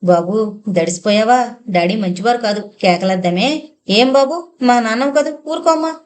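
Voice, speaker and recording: A woman's voice: medium pitch, normal speed, a little mellow, lightly acted. A woman reading an audiobook, voicing a doting young mother who coaxes her son and bristles at her husband. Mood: soothing. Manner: coaxing and pleading, then sharply defensive. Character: doting young mother, indulgent and fiercely protective.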